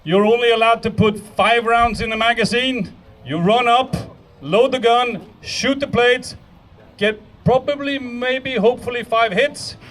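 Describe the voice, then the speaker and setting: A man's voice: very high-pitched, measured pace, fairly bright tone, faint music behind. A man working as a match official, giving a step-by-step spoken briefing of the rules to a group. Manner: instructional, step-by-step. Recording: distant mic, faint outdoor noise.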